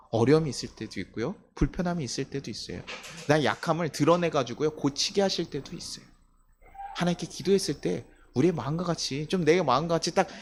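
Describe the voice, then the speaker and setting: Lively Korean pastor telling a story. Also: male voice, fairly high pitch, slight background noise. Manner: storytelling, asks the congregation questions, acts out quoted voices. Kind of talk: sermon.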